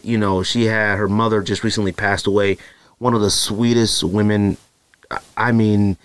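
This married adult man hosts a podcast by himself, and his talk is loose and rambling, full of "you know" fillers. His voice sits on the low side and sounds smooth, with no room sound, and it jumps up when he drives a point home.

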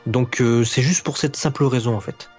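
A man guesting on a casual podcast, a YouTuber who analyses anime, explains his opinions at length with frequent fillers and restarts. He speaks at a moderate pace in a medium-pitched, breathy voice, with faint music behind him and a dull lo-fi sound.

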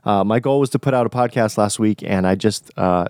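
Still getting over the flu, this young man has a stuffy, nasal voice as he hosts a casual solo podcast full of informal, buddy-like slang. He speaks briskly, pitched on the low side with a slightly mellow tone. It's a dry, clean studio recording.

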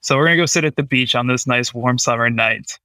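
A man, a cardiology fellow, presenting a medical case on a podcast in a measured, steady way. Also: mid-range voice, dry recording. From United States.

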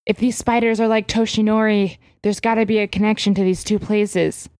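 A woman's voice: medium pitch, flat delivery, brisk, a little mellow, no echo, clean studio sound. A woman playing a tabletop role-playing game, describing scenes and reasoning earnestly. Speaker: player. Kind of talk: casual tabletop game play.

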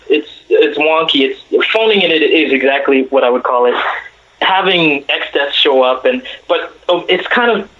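A man calling into a talk show over the phone, chatting casually and rambling with lots of fillers. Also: fairly high pitch. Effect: heard over the phone. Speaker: caller. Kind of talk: casual call-in chat. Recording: dull lo-fi phone line.

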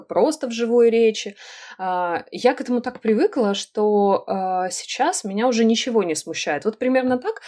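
Woman, podcast guest, mid pitch, unhurried explainer, lots of fillers and pauses. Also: a little mellow. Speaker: writer and literary editor, podcast guest. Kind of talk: conversational podcast interview.

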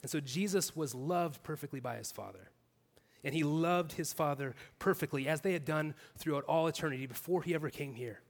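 A male pastor delivers an earnest sermon, stacking his points in repeated clauses. His voice sits a little higher than most men's. The sound rings with the long reverb of a church hall. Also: brisk, gravelly.

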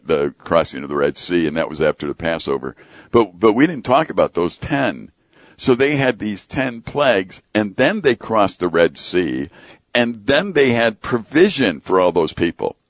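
Low-voiced man, earnest radio guest. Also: normal speed, no room sound. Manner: earnest, animated storytelling, acts out quotes. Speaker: ministry president and radio guest.

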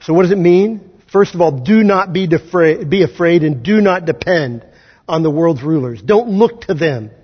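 A man preaching a sermon as pastor, talking conversationally and slipping into quick acted asides. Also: a little high, husky. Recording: dull audio in a large hall.

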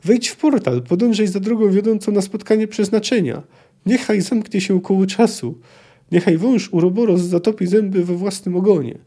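A man's voice: normal speed, dark tone. A man reading aloud and voicing a young female sorceress, calling out with emphatic commands. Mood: urgent. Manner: raised pitch, emphatic calling out.

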